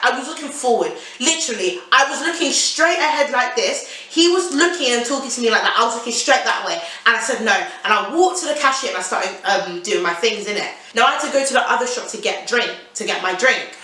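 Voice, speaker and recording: A young woman vlogger telling a casual storytime, animated and exasperated, full of slang. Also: a little high, brisk, hardly any pauses. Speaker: YouTuber. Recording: very echoey room, voice from a distance.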